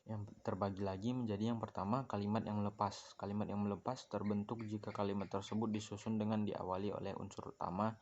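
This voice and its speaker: A man's voice: on the low side, level tone, quick pace, few pauses, darkish tone, muffled recording, slight background noise. A young man, a student, reads a grammar lesson aloud from his notes, with small stumbles and self-corrections. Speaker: student presenting a class assignment.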